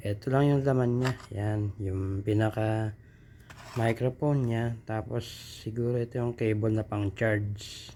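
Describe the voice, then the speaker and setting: A man's voice: lowish voice, vocal fry, mellow, slight background noise. A man chatting casually through an unboxing vlog, trying out a new wireless microphone on his phone. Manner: chatty, testing a mic by repeating hello. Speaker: vlogger. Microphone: phone built-in mic, then a wireless clip mic.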